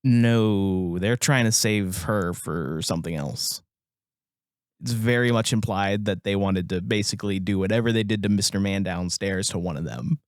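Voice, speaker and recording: A fairly low-pitched man co-hosts a podcast, chatting casually about a film at normal speed. He laughs frequently and acts out lines in put-on voices, on a dry, clean studio recording.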